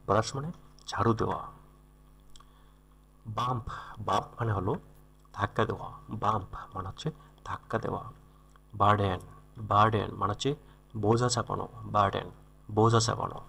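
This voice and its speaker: A man's voice: on the low side, fairly even intonation, moderate pace, creaky, long pauses, pushed and bright, slightly rough. A man teaching English vocabulary, repeating each word and its meaning and correcting pronunciation. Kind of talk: vocabulary lesson.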